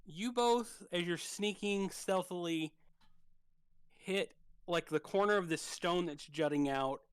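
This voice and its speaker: A man's voice: high voice, slow pace, smooth, no room sound. A man running a tabletop game as dungeon master, narrating loosely with many fillers.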